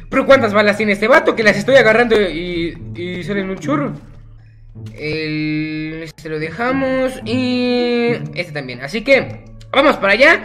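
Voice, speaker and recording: A man's voice: high-pitched, fairly bright tone. A teenage boy with a Mexican accent, chatting casually over his gameplay in a rambling, jokey way that keeps correcting itself. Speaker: gaming YouTuber.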